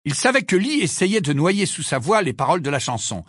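Lively, bright-voiced male narrator. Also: on the high side, fairly quick, breathy edge, no room sound, studio quality. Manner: expressive storytelling reading. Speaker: audiobook narrator. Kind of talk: scripted narration.

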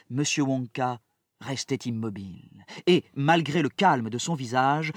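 A man narrating a children's story aloud in an expressive, dramatic audiobook style. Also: mid-range voice, no room sound, studio quality. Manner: lively and dramatic, shifting with the story.

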